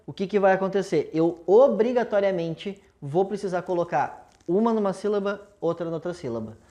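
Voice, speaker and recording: A woman's voice: on the low side, a little mellow. Woman teacher, patient step-by-step explainer, affectionate with students, whiteboard lesson. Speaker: language teacher. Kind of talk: recorded video lesson at a whiteboard.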